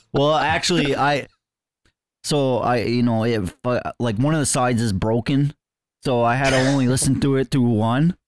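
Man doing a crude cocky young rapper, swearing nonstop, calls everyone bud, dry close sound, mid pitch. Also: unhurried, pauses often, dry recording, close to an everyday voice. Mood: brash. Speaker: guest. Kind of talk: improvised comedy interview.

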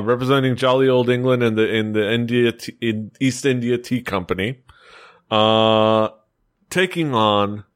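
A man's voice: on the low side, a bit bright. A man hosting a casual podcast chat, rambling and chuckling as he talks. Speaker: podcast host.

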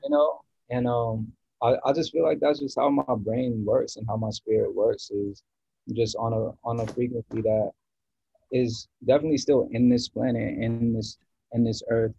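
A man's voice: on the low side, gravelly, warm tone, husky, no echo, muffled recording. A man from the US East Coast, a guest musician in a casual podcast chat, rambling and searching for words with many restarts.

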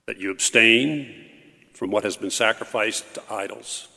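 A man reading scripture aloud at Mass in a measured, formal way, his voice carrying a cathedral echo. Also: lowish voice, gravelly, bright, forceful tone. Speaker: lector. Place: large church. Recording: long church reverb.

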